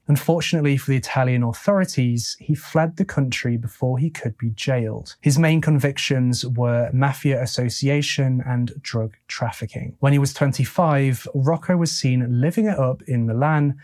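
A man's voice: medium pitch, a little mellow, no echo, studio quality. A man hosting a true crime channel, recapping cases with plain, chatty asides. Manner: reads case details with plain, chatty asides. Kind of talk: casual narrated case recap.

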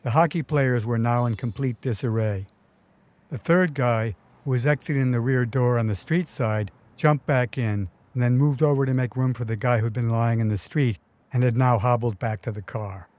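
A man's voice: mid-range voice, moderate pace, a little mellow. A man narrating his own memoir story in a vivid, wry storytelling manner. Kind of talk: first-person memoir narration.

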